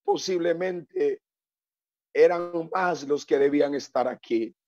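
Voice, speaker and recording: High-voiced husky guy preaching, pleads hard, dull lo-fi dry sound. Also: takes it slowly, a little mellow, no echo. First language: Portuguese influence, missionary in Brazil. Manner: fervent, pleading. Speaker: pastor. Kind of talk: sermon.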